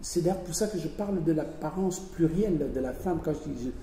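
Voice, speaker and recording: A fairly high but very dark, mellow-toned man speaks emphatically, repeating his points and voicing the people in his anecdotes. He sounds far from the mic, his words ringing around a large hall. A faint hum of noise sits underneath. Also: brisk. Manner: emphatic, repeats phrases, acts out dialogue. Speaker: author speaking at a public event. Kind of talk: spontaneous talk to an audience.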